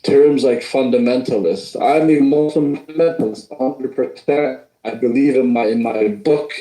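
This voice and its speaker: A man with a mellow, darker voice makes an earnest, insistent point over a remote call. His connection keeps breaking up and cutting out, leaving gaps in his words, and the sound is roomy and echoey. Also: medium pitch, fairly even intonation, normal speed, soft background music. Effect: call audio breaking up and cutting out. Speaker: guest calling in to a live discussion. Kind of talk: heated casual debate.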